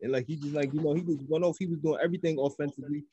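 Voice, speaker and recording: A man's voice: a little high, steady tone, very fast, mellow, slightly rough, no echo, dull audio. A man co-hosting a casual basketball podcast, talking in a laid-back, teasing way full of fillers. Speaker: podcast co-host. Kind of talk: casual sports chat.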